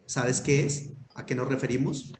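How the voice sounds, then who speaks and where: A Hebrew teacher with a medium-pitched, level voice speaks at normal speed during an online grammar lesson. He works patiently and methodically, checking often that the student follows, in an echoey room with faint background noise.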